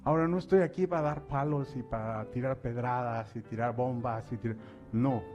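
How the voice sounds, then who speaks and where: A man preaching a sermon as pastor, asking his listeners direct questions and building up to loud, emphatic passages. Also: moderate pace, highs cut off, faint music behind. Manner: rises to loud, high-pitched preaching at climaxes.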